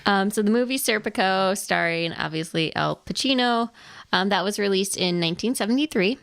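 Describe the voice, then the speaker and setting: A woman's voice: medium pitch, fairly quick, vocal fry, a bit bright. A woman from Wisconsin co-hosting a podcast, chatting casually and giving frank, matter-of-fact opinions with some fillers. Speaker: podcast co-host. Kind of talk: casual chat. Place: home studio.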